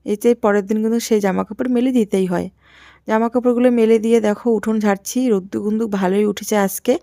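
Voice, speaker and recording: Young bengali-accented woman chatting quick about chores, dry close sound. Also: medium pitch, mellow, dry recording. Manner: chatty, talks to viewers while doing housework. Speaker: village vlogger. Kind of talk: casual vlog narration.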